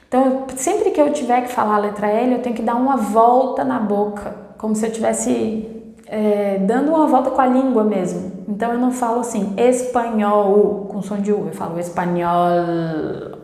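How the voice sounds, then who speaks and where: A Brazilian woman, a native Portuguese speaker, giving a casual Spanish lesson in a chatty way, often repeating herself and slowing down to demonstrate sounds. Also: fairly high pitch, warm tone. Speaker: Spanish teacher. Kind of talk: casual online language lesson. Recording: echoey room with long reverb.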